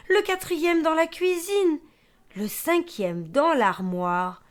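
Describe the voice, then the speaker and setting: A woman teacher reading a fairy tale aloud, expressive and sometimes whispering for suspense. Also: a little high. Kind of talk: storybook narration.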